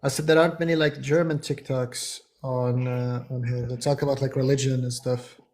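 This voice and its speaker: A man in an average pitch hosts a casual livestream conversation. He asks questions hesitantly, with frequent fillers. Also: flat delivery, moderate pace, darkish tone. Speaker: livestream host. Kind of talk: casual chat.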